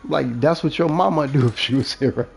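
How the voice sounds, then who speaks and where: A man's voice: fairly high pitch, a little fast, vocal fry, faint music behind. A man in casual, profane storytelling chat who acts out the people in his stories as he talks. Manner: profane, animated, acts out quoted dialogue.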